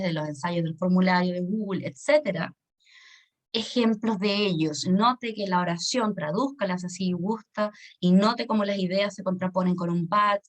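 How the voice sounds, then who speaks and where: Speaking in a mid-range voice, a woman runs an English class online. Patient in her explanations, she repeats the important points and checks often that everyone is following.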